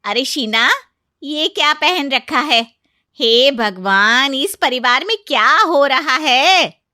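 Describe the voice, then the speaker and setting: A woman voicing a sharp-tongued, scolding middle-aged aunt-in-law in a cartoon story, loud and taunting. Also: high voice, animated, slow, no room sound, studio quality, voice pushed up, heavily acted.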